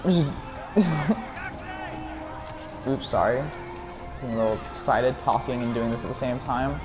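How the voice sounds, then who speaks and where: A man giving excited, rambling commentary while playing a video game, often restarting sentences and laughing. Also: mid-range voice, takes it slowly, music in the background. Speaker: gaming YouTuber. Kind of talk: gameplay commentary.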